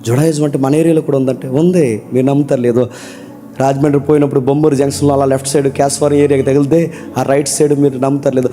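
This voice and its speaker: A man preaching a sermon, asking rhetorical questions and calling on his listeners to answer, moving between loud emphatic lines and quiet low ones. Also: level tone, fast talker. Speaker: pastor.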